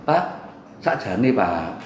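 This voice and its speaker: Animated East Javanese man telling his grievance. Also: fairly low pitch, very slow. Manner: acts out quoted arguments, switching into Javanese. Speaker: resident in a neighborhood dispute. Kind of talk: animated retelling to a mediator. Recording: echoey room with faint background hum.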